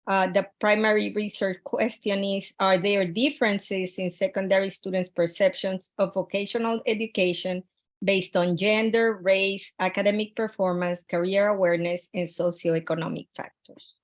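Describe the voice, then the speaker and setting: A woman from Honduras lays out her study over a video call, earnest and methodical. Her voice sits at a middling pitch, and she keeps stopping to restart phrases and fill gaps with "uh" and "um.". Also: steady tone, normal speed. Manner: earnest, with frequent fillers and restarts. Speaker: graduate student presenting a research proposal.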